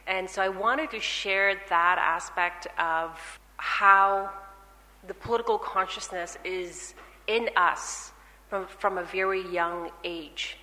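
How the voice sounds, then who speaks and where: A woman from Nepal answering on a panel in a measured, emphatic way. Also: medium pitch, pushed and bright. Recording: echoey hall.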